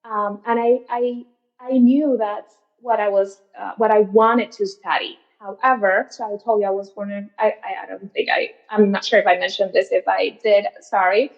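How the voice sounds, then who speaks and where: A woman's voice: medium pitch, fairly even intonation, moderate pace, creaky. A woman in her late thirties, a therapist answering interview questions in an earnest, reflective and slightly hesitant way. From Venezuela. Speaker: guest therapist. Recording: slightly muffled lo-fi audio.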